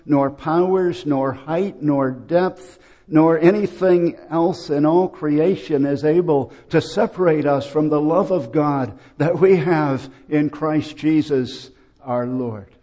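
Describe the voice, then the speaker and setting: A man preaching a sermon as a pastor, in a slow and measured way with dramatic pauses. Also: fairly high pitch, dark tone.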